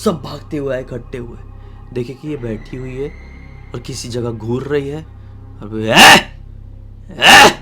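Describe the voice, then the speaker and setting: A man telling a horror story in a casual, dramatic way, swinging between loud bursts and hushed tones. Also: medium pitch, fairly even intonation, moderate pace, faint music behind.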